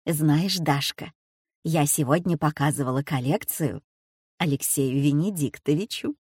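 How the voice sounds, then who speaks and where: A fussing old grandmother, as a woman reader puts her on, her voice dropped lower than the narration and slowed to a sighing drawl. She frets to her granddaughter in an audiobook story. The recording is dry and close. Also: darkish tone, husky, no room sound. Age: over 60.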